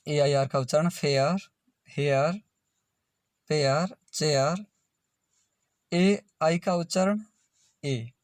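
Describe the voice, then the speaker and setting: Male pronunciation tutor, fairly high voice, very slow and deliberate, spells each word out before saying it. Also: dry recording, clean studio sound. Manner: spells words letter by letter, then says them slowly. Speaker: English pronunciation teacher.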